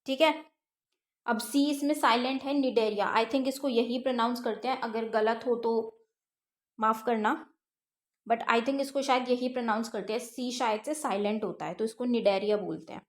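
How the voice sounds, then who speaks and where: High-voiced woman teaching science step by step. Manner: explains step by step, asks and answers her own questions; reads textbook lines slowly, then explains them. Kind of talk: exam-prep science lecture.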